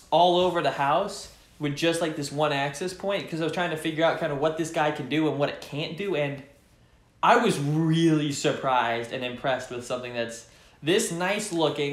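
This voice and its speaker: A man's voice: a little high, roomy sound. A young man chatting casually to the camera from his living room couch, enthusiastic and thinking aloud as he unboxes tech gear. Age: young adult. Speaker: tech vlogger.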